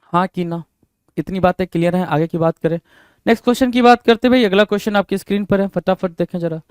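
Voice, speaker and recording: A man's voice: high voice, quick pace, a little mellow, smooth, no echo, clean studio sound. A man teaching a vocabulary lesson for competitive exams, who keeps asking rhetorical questions and answering them himself. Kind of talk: exam-prep vocabulary lesson.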